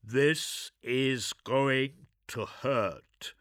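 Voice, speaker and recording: A man's voice: medium pitch, fairly bright tone, dry recording, voice pushed up. Man doing a dry, over-enunciating armoured warrior. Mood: solemn. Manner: over-enunciates every syllable, slow and measured. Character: towering armoured male warrior, cold and solemn.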